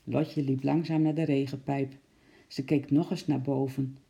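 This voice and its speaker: Gravelly, dark storybook reader. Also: mid-range voice, level tone, measured pace, highs cut off. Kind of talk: children's storybook reading.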